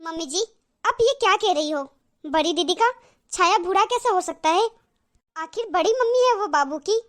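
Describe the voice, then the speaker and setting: A woman's voice: very high-pitched, expressive, moderate pace, a bit bright. A woman voicing a young, caring daughter-in-law in a cartoon, speaking earnestly and reassuringly. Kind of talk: cartoon voice acting.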